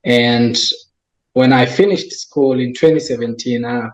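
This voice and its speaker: Slow-spoken Tanzanian man, thoughtful. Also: medium pitch, darkish tone, highs cut off. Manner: slow and thoughtful, with frequent restarts. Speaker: wildlife research coordinator. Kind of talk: conversational interview.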